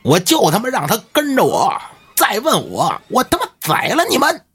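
A man's voice: high-pitched, huge pitch swings, moderate pace, a bit bright, husky, voice pushed up, exaggerated voice. A man voicing a possessed young man who bellows furious threats at his family.

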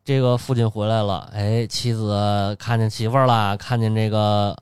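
A man telling a dark folk tale in casual, colloquial podcast chat. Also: on the low side, normal speed, smooth, no echo, studio quality. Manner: animated, colloquial, lively delivery. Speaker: storyteller host.

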